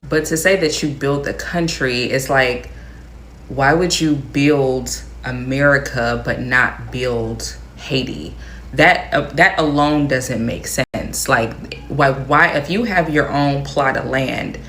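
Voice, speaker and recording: A man giving reflective commentary, measured and a little hesitant, reasoning aloud. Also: mid-range voice, creaky, a bit bright. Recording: roomy with faint noise.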